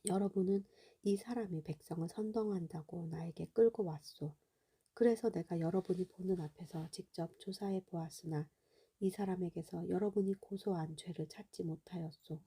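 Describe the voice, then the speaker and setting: A woman reading the lines of a stern male Roman governor in her own soft, hushed, formal voice. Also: fairly low pitch, moderate pace, husky. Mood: weary.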